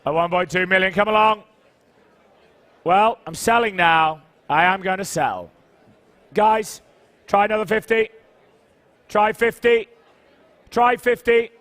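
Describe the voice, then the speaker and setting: A man's voice: high-pitched, a little slow, long pauses, fairly bright tone. A man working as an auctioneer, calling and repeating bids and coaxing bidders in a live sale.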